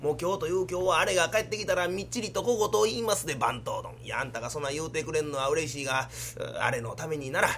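A man's voice: on the high side, racing, hardly any pauses, a bit bright, slight background noise, pitched below the performer's own voice, lightly acted. A man voicing a fretful older merchant father with a Kansai accent, scolding his son in rakugo storytelling. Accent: Kansai Japanese. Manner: scolding, exasperated.

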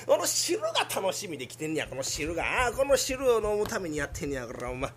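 A man's voice: a little high, wildly swooping pitch, fast, a little hiss or hum. A man with a Kansai accent performing a solo comic sketch for a podcast, with grumbling, self-mocking asides. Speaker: podcast comedian.

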